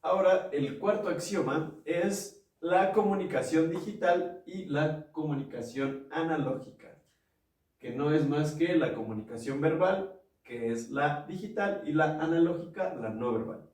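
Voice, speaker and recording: A Mexican man co-hosting a relaxed podcast, walking through ideas with everyday examples and little acted-out lines. His voice sits a bit high for a man. He sounds set back from the mic in a very echoey room. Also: measured pace, distant mic. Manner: explains with examples, acts out quoted lines, chuckles. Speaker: podcast co-host. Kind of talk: casual explanatory podcast chat.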